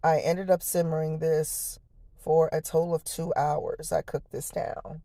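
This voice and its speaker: An American woman with a hoarse, low, harsh voice gives a casual, folksy cooking voice-over, chatting straight to her viewers. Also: flat delivery, measured pace, mellow, dry recording, studio quality. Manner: folksy, chatty, addresses viewers as y'all and honey. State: hoarse, voice lost from the night before. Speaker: home cook, vlog host.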